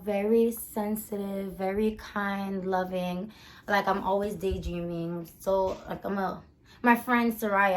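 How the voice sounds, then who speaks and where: A woman's voice: mid-range voice, creaky. A 21-year-old woman from the Bronx, chatting casually through a Q and A, rambling with lots of fillers. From the Bronx, New York. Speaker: vlogger. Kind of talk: casual Q and A chat.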